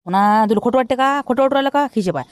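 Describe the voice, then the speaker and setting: With a very high voice and no echo, a man speaking in a Vidarbha Marathi accent plays a broke villager in a rustic comedy sketch. He scolds everyone, rapidly and loudly.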